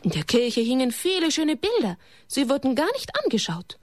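Gently reading a religious story to children, a woman asks them questions and occasionally lowers her voice to a whisper. She has a high voice with wide pitch swings and speaks at normal speed, in a dry, studio-quality recording.

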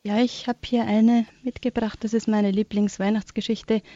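A woman chatting and then reading a Christmas story aloud in a gentle, warm way. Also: on the high side, level tone, normal speed, no echo. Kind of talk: conversational chat, then read-aloud storytelling. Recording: dull lo-fi dry sound.

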